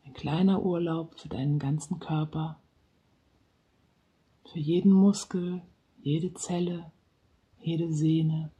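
A relaxation guide speaking softly and slowly, sometimes dropping into a whisper, leading a guided relaxation. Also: mid-range voice, steady tone. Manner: slow, soft-spoken, partly whispered.

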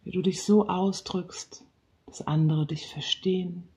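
A relaxation guide leads a calming session in a very slow, soft voice with a low, gravelly texture, whispering some of the lines.

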